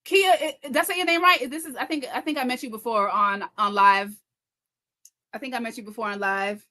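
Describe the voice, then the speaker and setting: Her voice on the high side, bright and forceful, a woman content creator runs a casual live chat, reading comments from viewers aloud. She rattles along fast, stumbling and repeating her phrases often.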